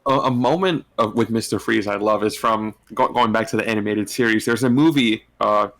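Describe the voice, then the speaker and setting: A man's voice: fairly low pitch, a little fast, creaky, fairly bright tone. A man gushing as a fan in casual co-host chat, telling anecdotes in loose, slangy, sweary language. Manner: gushing, admiring fan talk. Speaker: podcast co-host. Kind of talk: casual chat about comics and games.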